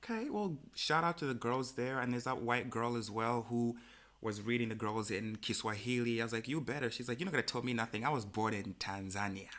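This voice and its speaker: Bright-voiced male podcast co-host. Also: brisk. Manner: animated, high-pitched when quoting people. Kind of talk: casual chat.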